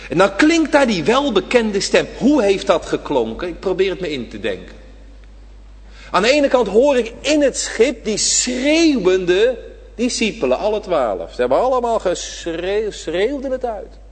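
A man preaching a sermon, dramatic, swinging from loud emphasis to near-whisper and asking the congregation rhetorical questions. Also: high-pitched, very animated, a little slow, big-room sound.

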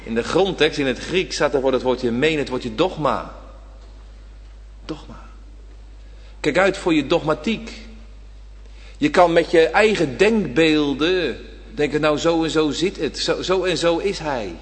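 A man preaching a sermon, dramatic, swinging from loud emphasis to near-whisper and asking the congregation rhetorical questions. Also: fairly high pitch, unhurried, long pauses, in a large hall.

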